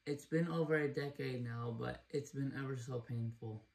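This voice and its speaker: A man playing a gravelly, earnest blind suitor. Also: mid-range voice, moderate pace, a little mellow, far from the mic, a little hiss or hum, natural voice. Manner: earnest, old-fashioned courtesy. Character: gentle blind man on a date. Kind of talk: comedy sketch acting.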